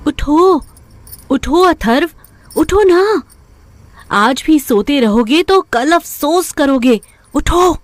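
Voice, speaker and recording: A woman voicing a young woman who softly coaxes a sleeping man awake in an audio story. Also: sits high, expressive, very slow, pauses often, dry recording, full character voice. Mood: coaxing. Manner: soft, coaxing, drawn out.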